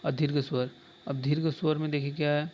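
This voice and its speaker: Monotone male teacher, dull recording. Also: fairly high pitch, a little fast. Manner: explains step by step, repeats terms, keeps saying "dekhiye". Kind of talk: exam-prep lecture, reading out answers. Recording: slightly dull lo-fi recording with faint background noise.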